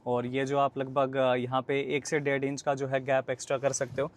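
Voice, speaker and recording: A man giving a chatty car review from inside the car, explaining features quickly to viewers. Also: mid-range voice, completely flat delivery. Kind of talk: casual walkaround and driving review.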